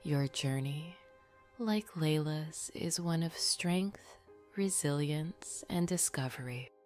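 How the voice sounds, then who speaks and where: Slow, low-voiced woman narrating sleep stories. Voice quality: soft, breathy, half-whispered. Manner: soothing, unhurried, gently guiding listeners to rest. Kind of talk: scripted bedtime sleep story narration. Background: background music.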